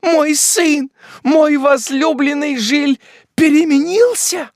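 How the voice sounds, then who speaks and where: A man's voice: high voice, slow, creaky, dry recording, clean studio sound, voice pushed up, exaggerated voice. A man reading an audiobook and voicing a desperate, grief-stricken widowed mother in frantic, pleading cries. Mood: pleading, eager.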